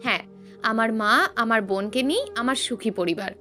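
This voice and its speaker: A woman's voice: a little high, moderate pace, soft background music. Woman voicing a shy, meek college boy. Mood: gentle. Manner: meek, soft-spoken, formal. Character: shy polite young male college student.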